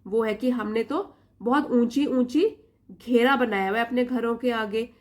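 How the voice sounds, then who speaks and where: A woman with an Indian accent who teaches English. She reads English sentences slowly, word by word, then explains them in Hindi. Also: fairly high pitch. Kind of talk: Hindi-medium English reading lesson.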